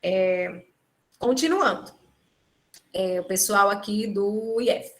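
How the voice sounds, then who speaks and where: Speaking slowly at a medium pitch, a woman with a Brazilian Portuguese accent leads a live exam-prep session on a video call. She walks through the material step by step, checking in with tag questions, over a computer mic from a home or office.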